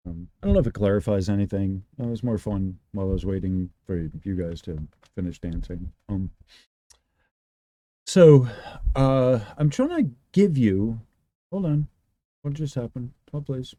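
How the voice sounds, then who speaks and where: Rambling man with dark booming voice. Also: animated, normal speed, no room sound. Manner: rambling, restarts often, thinks aloud. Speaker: livestream host. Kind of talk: unscripted explanatory talk.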